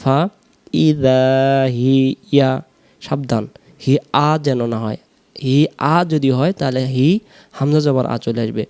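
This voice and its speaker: A man teaching Quran recitation, slowly drawing out the verses and then explaining each sound quickly. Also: medium pitch, a little mellow. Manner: slow drawn-out recitation alternating with quick explanations.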